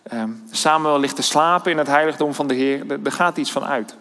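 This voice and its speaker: A man preaching a sermon, thoughtful and hesitant, often pausing on fillers and restarting his sentences. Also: fairly high pitch, fairly even intonation, pushed and bright. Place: church hall. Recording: long church-hall reverb.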